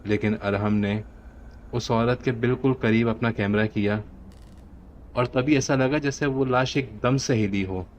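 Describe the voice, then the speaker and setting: A man with a Pakistani Urdu accent narrating a horror story in a steady storytelling voice. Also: mid-range voice, a little slow. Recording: dull lo-fi audio with faint hiss.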